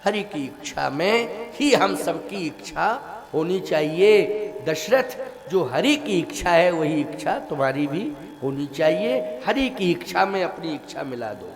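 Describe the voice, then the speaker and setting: Slow high-voiced male preacher. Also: big pitch swings, creaky, crowd noise. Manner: questions the audience and breaks into devotional singing. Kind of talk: sung Ram Katha sermon. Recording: music and tabla behind the voice.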